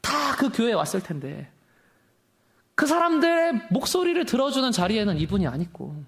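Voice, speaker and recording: An impassioned young man delivers a sermon in a fairly high voice. His pitch leaps and drops constantly, and he drives his points home with rhetorical questions. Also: big pitch swings, moderate pace, gravelly, a bit bright. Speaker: preacher.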